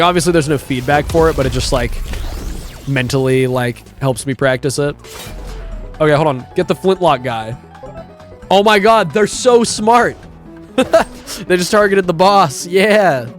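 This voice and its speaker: A gaming YouTuber, a man, giving chatty, excitable let's-play commentary. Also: medium pitch. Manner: excitable, chatty, laughs often.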